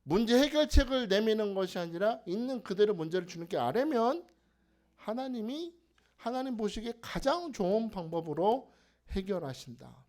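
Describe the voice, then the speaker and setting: A high-pitched male pastor delivering a fervent evening sermon. He drops to soft, confiding asides, then rises into loud, urgent cries. The recording is from a worship service. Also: very animated, normal speed. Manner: fervent, swings between quiet asides and shouted prayer cries. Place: prayer house worship service.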